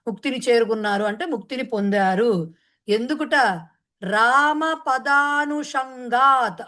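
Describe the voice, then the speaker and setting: A woman Sanskrit teacher who chants a verse slowly, then explains it in quick talk mixed with English words. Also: fairly high pitch, a bit bright. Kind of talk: online class explaining a verse in Telugu.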